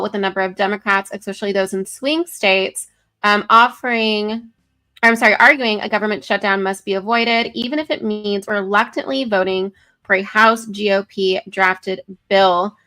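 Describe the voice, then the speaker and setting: A woman's voice: medium pitch, steady tone, moderate pace, pushed and bright. A woman co-hosting a casual political talk show, reading news articles aloud with many fillers and self-corrections. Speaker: co-host.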